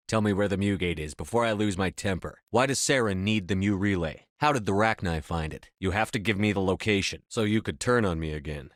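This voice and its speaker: A man's voice: sits low, a bit bright, no room sound, studio quality. A man playing a tough military space commander in a video game, speaking in a terse, firm, authoritative way. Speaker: video game lead voice actor. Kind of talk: scripted game dialogue.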